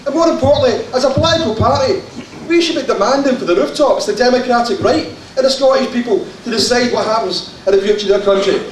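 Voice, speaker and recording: A Glaswegian man giving an impassioned, shouted conference floor speech with joking asides. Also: very high voice, fast. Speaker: party conference delegate. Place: large conference hall. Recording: echoey hall from far off, faint crowd and hiss.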